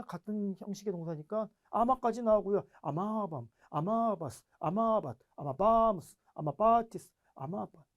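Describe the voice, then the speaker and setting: Chatty man teaching a grammar lecture. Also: sits high. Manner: asks rhetorical questions and repeats drilled verb forms; chatty, explaining in a lively classroom way.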